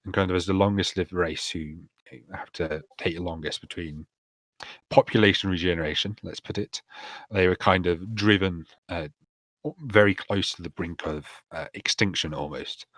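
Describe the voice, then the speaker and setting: Male dungeon master, low voice, rambling explainer, dry close sound. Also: steady tone, normal speed, a bit bright, dry recording. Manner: rambling, full of fillers. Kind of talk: explaining a tabletop campaign world.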